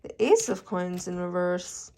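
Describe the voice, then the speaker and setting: Warm and unhurried, this tarot reader's lowish voice swings widely in pitch. The young woman chats casually to camera with lots of "okay?" check-ins, her allergies leaving her slightly congested.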